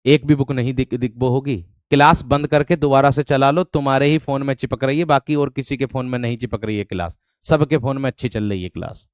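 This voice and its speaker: A man's voice: medium pitch, steady tone, brisk, hardly any pauses, no room sound, clean studio sound. A man teaching a live online spelling class, often repeating words and asking rhetorical questions while calling his students "my friend".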